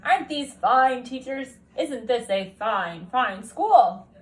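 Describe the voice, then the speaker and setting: A woman voicing a proud, exuberant male school principal in a storybook, with drawn-out, emphatic exclamations. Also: a little high, expressive, low-quality recording. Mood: admiring. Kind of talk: storybook character read aloud.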